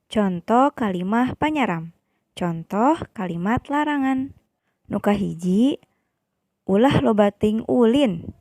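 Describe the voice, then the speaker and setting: A woman teacher leads a primary-school lesson at a very unhurried pace. She explains each example carefully and patiently for young children, in a mid-range voice. The recording is dry and close, with no room echo. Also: medium pitch, gravelly, a little mellow.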